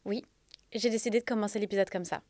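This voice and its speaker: A woman's voice: medium pitch, fairly even intonation, quick pace, darkish tone, no echo, studio quality. A woman hosting a self-help episode, explaining directly and conversationally in a slightly throaty voice, with a sore, swollen throat from tonsillitis. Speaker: podcast host. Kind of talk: spoken self-help episode addressed to listeners.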